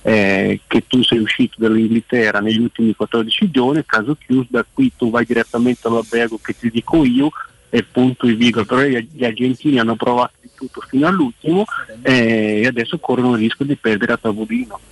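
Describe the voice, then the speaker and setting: A man with a gravelly, husky voice talks football on a radio show. He explains his points emphatically, restating words as he builds his argument. The sound is close and dry. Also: mid-range voice, a little fast, no echo, low-quality recording. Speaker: football pundit guest. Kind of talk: radio phone-in commentary.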